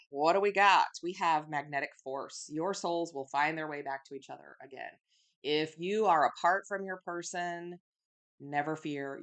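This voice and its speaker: A woman giving a casual tarot love reading to her viewers, chatty and reassuring, often checking in with "okay?" and "right?". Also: deep voice. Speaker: tarot reader.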